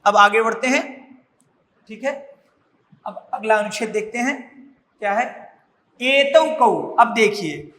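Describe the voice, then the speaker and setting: Brief: bright-toned male schoolteacher, drilling pupils on word forms, reverberant classroom sound. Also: high voice, measured pace, long pauses. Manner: repeats words and asks questions to students. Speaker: Sanskrit teacher. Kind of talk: classroom lesson explaining grammar. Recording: echoey room with long reverb, faint noise.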